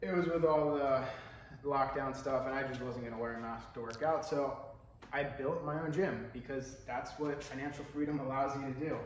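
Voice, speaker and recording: A man's voice: medium pitch, fairly even intonation, moderate pace. Male, 20s, casual tour host, empty warehouse echo, camera mic a few feet off, some background noise. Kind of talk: casual walk-through tour narration. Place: large warehouse room with concrete floor, indoors. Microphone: handheld camera a few feet away.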